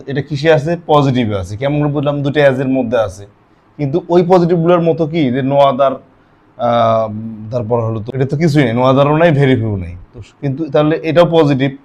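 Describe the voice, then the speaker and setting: Male grammar teacher, talks it through question by question, mid-pitched. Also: fast talker, a little mellow. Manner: asks questions and answers them himself. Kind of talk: classroom lesson with asides and a told anecdote.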